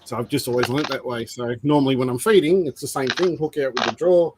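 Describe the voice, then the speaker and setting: A man's voice: mid-range voice, fast talker, background noise. A man co-hosting a reptile livestream, telling stories in a rambling, filler-heavy casual way. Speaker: co-host of a reptile breeding livestream. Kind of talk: casual chat.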